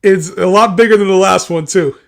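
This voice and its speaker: A man's voice: high-pitched, a little fast, gravelly. A man co-hosting a casual sports betting livestream, laughing often and teasing his partner. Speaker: livestream co-host.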